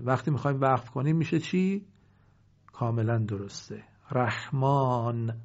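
A man teaching the rules of pausing in Quran recitation. He draws out each example word slowly, then asks what it becomes and answers himself. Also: fairly high pitch, darkish tone, dull audio.

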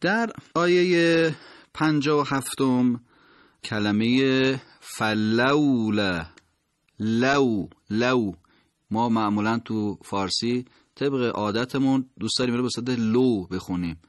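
A man teaching recitation. He explains pronunciation rules, then slowly and carefully sounds out each word as an example. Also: medium pitch, no echo, studio quality.

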